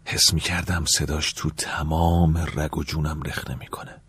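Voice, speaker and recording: A man narrating an audiobook in the first person, calm and measured, at times dropping to a soft whisper. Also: extremely low pitch, breathy edge, no echo.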